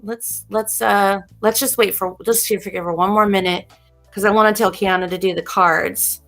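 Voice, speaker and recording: A woman's voice: mid-range voice, fairly even intonation, moderate pace, gravelly, a bit bright, faint music behind. A woman hosting a casual livestream as a spiritual reader, chatty and rambling, laughing often.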